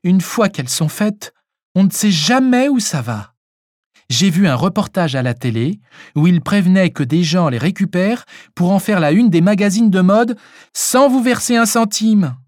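Male reader doing a cranky, suspicious old woman; grumbling, high-pitched, dry read. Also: animated, moderate pace, a little mellow, no room sound. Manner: grumbling, pleading.

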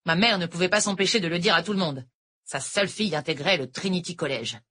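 A woman voicing a moody, bitter female math tutor in an audiobook, talking with a sharp, mock-cheerful edge. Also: lowish voice, quick pace.

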